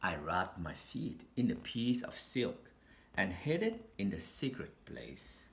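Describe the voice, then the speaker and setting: A deep-voiced man reads a children's picture book aloud very slowly and with care. His storytelling leans on dramatic pauses and lively intonation, and the roomy space echoes with faint background noise.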